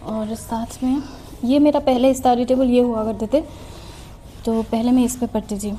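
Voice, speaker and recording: A woman's voice: a little high, fairly even intonation, normal speed, dark tone, slight background noise. A young woman student chatting casually while tidying her study desk, self-mocking and a little out of breath. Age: young adult. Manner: chatty, self-mocking, mixing in English phrases. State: slightly out of breath. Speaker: student vlogger. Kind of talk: casual desk tour chat. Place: her study room at home.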